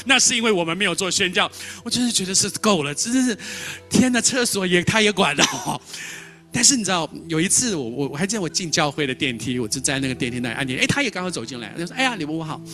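A man preaches a story-filled sermon at a rapid clip. He repeats words and acts out the dialogue, in a bright, forceful voice that sits a little high. Soft music plays faintly behind him. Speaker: pastor.

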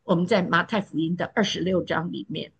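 A woman's voice: lowish voice, steady tone, fairly quick, slight background noise. Earnest woman preaching a sermon. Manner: earnest, emphatic, drops to soft pleading tones.

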